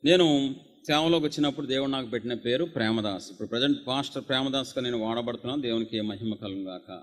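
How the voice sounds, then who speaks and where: A man's voice: medium pitch, quick pace, in a large hall. A man in his forties preaching a sermon as a pastor, impassioned and piling up repeated phrases. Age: 40s. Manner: impassioned, repetitive lists.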